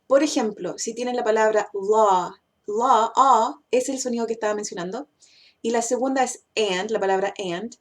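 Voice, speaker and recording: A woman teaching English pronunciation in a casual, explanatory way, with frequent "eh" fillers as she thinks. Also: on the high side. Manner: slows down and stretches English example words.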